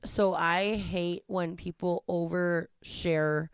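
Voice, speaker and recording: A woman's voice: on the low side, fairly even intonation, slow pace, clean tone. Blunt, chatty woman podcast co-host. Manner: chatty, blunt, laughs easily. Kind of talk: casual podcast chat.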